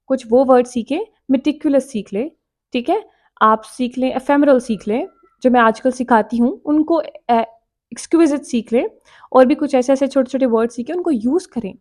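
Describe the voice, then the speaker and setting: This is a woman with a high voice giving a casual spoken English lesson to her viewers. She talks in a direct, encouraging way and keeps repeating her main point. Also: moderate pace, darkish tone. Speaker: English teacher.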